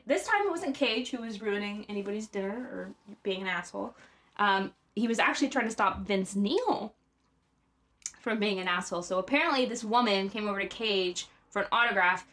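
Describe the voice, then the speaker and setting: A woman co-hosting a casual podcast, telling stories in a rambling way with many fillers. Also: a bit bright. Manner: rambling, many fillers, bursts into high acted quotes. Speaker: podcast co-host. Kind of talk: casual chat, storytelling.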